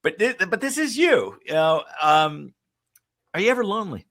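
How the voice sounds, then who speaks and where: A man hosting an interview, asking questions in a halting way with many pauses. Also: high voice, very animated, fairly bright tone. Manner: halting, many fillers and restarts. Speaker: host. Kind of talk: conversational interview.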